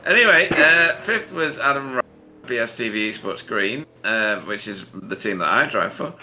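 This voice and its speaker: A man calls a sim race as commentator, reading results in a chatty, joking way. His voice is very bright and sits at an ordinary pitch. A faint hiss of noise sits under the recording. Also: lively intonation, normal speed. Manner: chatty, jokey, laughs often.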